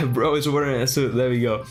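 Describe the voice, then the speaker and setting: Male streamer, loose live chat, narrates his own fiddling with settings, mid-pitched, faint music underneath. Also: fairly even intonation, moderate pace. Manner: chatty, thinks aloud while fixing settings. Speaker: streamer reacting to a livestream.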